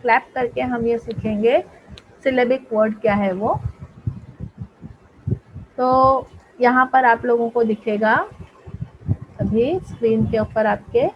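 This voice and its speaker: Woman teacher, unhurried, keeps asking if pupils follow; muffled online-class recording, faint hiss. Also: a little high, fairly even intonation. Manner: explains slowly, mixing Hindi and English, checks with pupils. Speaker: English teacher. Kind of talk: online class lesson in Hindi and English.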